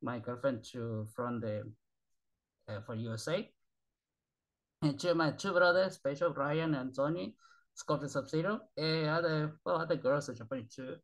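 Speaking into a desk webcam from a small bedroom, a tired channel host, a native Spanish speaker, rambles to his viewers in halting, repetitive broken English, sighing as he goes. His voice sits a little high, and the recording quality is low.

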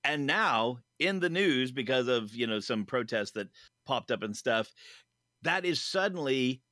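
A man's voice: medium pitch, animated, a little slow, bright, forceful tone, dry recording, clean studio sound. A man co-hosting a casual podcast chat, upbeat and rambling with lots of fillers. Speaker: podcast co-host.

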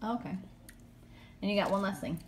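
With background noise behind her, a thirties-aged woman with a Tennessee accent hosts a laid-back snack unboxing at a medium pitch and normal speed, reading blurbs aloud and asking questions.

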